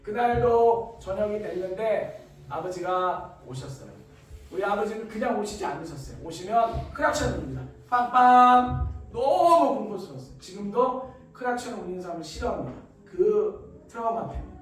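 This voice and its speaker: A man's voice: sits high, lively intonation, a little fast. A man giving an emotional testimony in church, telling his story dramatically and acting out the voices in it. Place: church hall. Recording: echoey room, far from mic.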